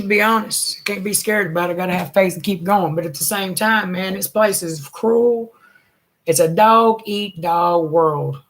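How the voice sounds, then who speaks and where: A woman, a single mother venting in a blunt, emotional rant full of swearing and bitter laughs. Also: on the low side. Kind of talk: angry personal rant.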